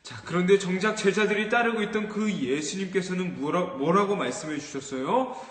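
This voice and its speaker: High-voiced man telling a children's sermon. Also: fairly quick. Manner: animated, questioning the children often. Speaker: children's ministry teacher. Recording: echoey hall with long reverb.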